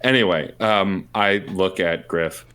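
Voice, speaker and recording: A man playing a tabletop game, deliberately describing what his character does. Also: low-pitched, a bit bright, smooth. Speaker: player.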